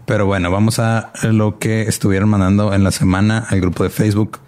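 A man's voice: fairly low pitch, flat delivery, brisk, a little mellow. A young man co-hosting a podcast in casual, slangy chat, often laughing. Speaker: podcast co-host.

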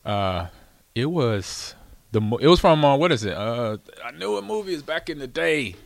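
A man's voice: mid-range voice, big pitch swings, moderate pace, gravelly, no room sound. A man hosting his own show, chatting casually and telling a rambling story full of fillers and laughs. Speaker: show host, former football player. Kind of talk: casual chat.

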